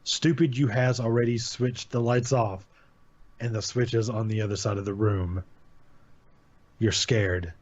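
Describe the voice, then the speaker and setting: Reading a brief creepypasta on his channel, this man keeps things casual and pauses to remark on the grammar errors. He speaks slowly with frequent pauses, in a lowish, slightly mellow voice with fairly even intonation. The audio is dull and lo-fi.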